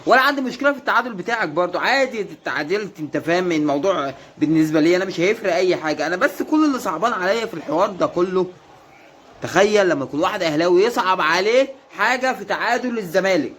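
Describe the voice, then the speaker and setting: Egyptian guy ribbing rival football fans, mock-serious, talks super fast, kinda high voice. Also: expressive, fairly bright tone, slight background noise. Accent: Egyptian Arabic. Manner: mock-earnest, teasing, repeats reassurances. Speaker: football fan vlogger. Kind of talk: casual teasing monologue.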